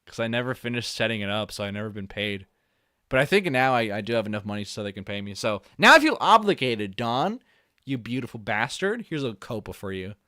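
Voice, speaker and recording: A man streaming live, reacting to a video with excitable, swearing, joking commentary. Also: fairly low pitch, smooth, dry recording, clean studio sound. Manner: excitable, swears, laughs and jokes a lot.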